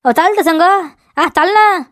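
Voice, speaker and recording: A woman's voice: very high-pitched, normal speed, a bit bright, no echo, studio quality. A woman with a Vidarbha Marathi accent playing a scolding village farmer who nags and keeps tagging questions onto every line, in a comedy sketch. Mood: insistent. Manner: nagging, repeats demands, keeps tagging "हा?". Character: scolding village farmer man guarding his field.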